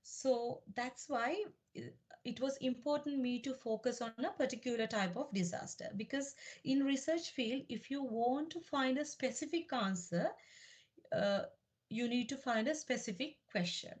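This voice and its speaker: Measured Sri Lankan woman lecturing. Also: sits high. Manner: measured, explanatory, with frequent fillers and restarts. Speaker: PhD researcher giving a lecture. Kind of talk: academic lecture.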